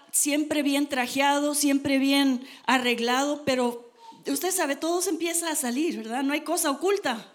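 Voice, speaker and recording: High-voiced woman preaching. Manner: earnest, emphatic, addresses congregation as brothers. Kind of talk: sermon.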